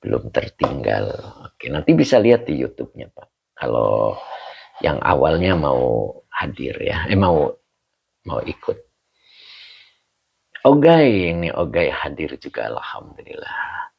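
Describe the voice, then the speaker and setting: Gravelly deep-voiced man teaching casually. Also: big pitch swings, a little slow, dull audio. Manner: chatty, greets students by name, laughs often. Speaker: religious teacher. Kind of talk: casual online class.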